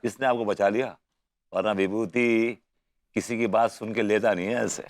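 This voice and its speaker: A man's voice: lowish voice, fairly even intonation, normal speed, slight background noise, lightly acted. Man playing a sarcastic, jobless flirt. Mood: flattering. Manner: sarcastic, mixing English into his Hindi.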